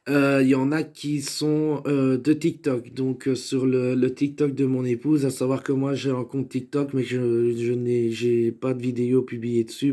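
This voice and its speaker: A man's voice: medium pitch, warm tone. A man talking casually to camera about his videos, hesitant, with many fillers and restarts, now and then joking. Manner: chatty, joking aside. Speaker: vlogger and sketch maker. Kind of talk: casual rambling vlog talk.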